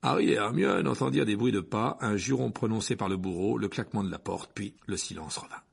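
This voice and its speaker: A man's voice: lowish voice, a little fast, gravelly, husky. A man narrating a storybook expressively, voicing each character in turn. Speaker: audiobook narrator.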